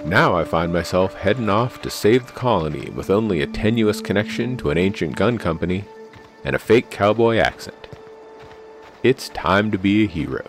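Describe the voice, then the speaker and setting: Man putting on low cowboy drawl, earnest space farmer hero, game role-play. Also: animated, normal speed, soft background music. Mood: solemn resolve. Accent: put-on American cowboy. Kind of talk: role-played game narration and dialogue.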